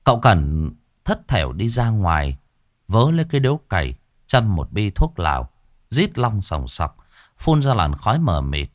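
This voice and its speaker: A man's voice: fairly low pitch, moderate pace, no echo, studio quality. A man narrating a horror story in a scripted, dramatic way. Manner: expressive, dramatic.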